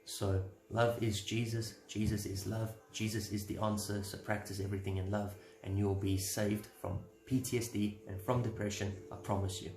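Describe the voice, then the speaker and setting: A man's voice: lowish voice, level tone, normal speed, hardly any pauses, darkish tone, echoey room, low-quality recording. A man giving a casual devotional talk, conversational and earnest, posing rhetorical questions to his listeners.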